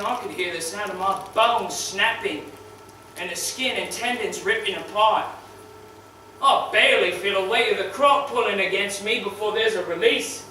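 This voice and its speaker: An actor playing a crude, cocky crocodile wrestler who loses his arm and grieves, talking in a foul-mouthed way that swings from swagger to shouted despair. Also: high voice, slight background noise. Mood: storytelling. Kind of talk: dramatic monologue. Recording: very echoey room, mic far off, faint ambience.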